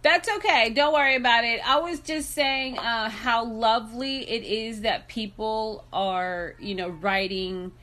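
Bubbly woman hosting a podcast, voice sits a bit high, super upbeat. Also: fairly even intonation, measured pace, few pauses, fairly bright tone. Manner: upbeat, bubbly, lots of fillers. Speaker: podcast host. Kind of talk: casual interview chat.

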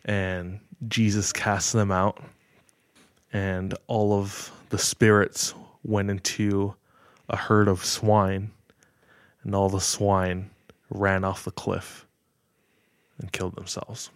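Man, low voice, slow unhurried pace, dry close sound, casual storyteller. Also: little pitch movement, no room sound. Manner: measured, retelling with filler words. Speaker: podcast host telling a story.

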